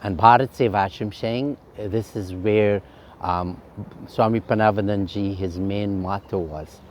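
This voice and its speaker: A man with a fairly low voice gives an informal spiritual talk outdoors by a fountain. He speaks as a swami, unhurried and reflective, often pausing on "um". Faint outdoor ambience and passing traffic sit behind him. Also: fairly even intonation, a little mellow. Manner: unhurried and reflective, with frequent ums.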